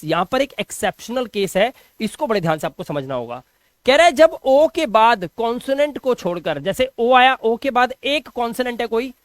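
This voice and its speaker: Male teacher, high pitch, dry close mic, repeats each example word. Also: no echo. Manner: repeats questions and drills words aloud. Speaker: English teacher. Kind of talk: classroom explanation.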